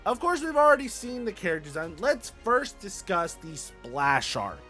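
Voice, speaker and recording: A man's voice: high voice, sing-song, moderate pace, over music. A young man hosting casual gaming commentary, hyped and playful, full of slang and repeated phrases. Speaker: gaming YouTuber host.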